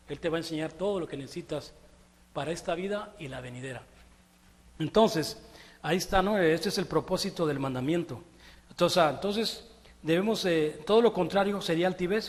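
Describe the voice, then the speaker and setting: Casual preacher, male, lively with his congregation, recorded in a reverberant church hall. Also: a little high. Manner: conversational, animated preaching with rhetorical questions. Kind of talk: sermon.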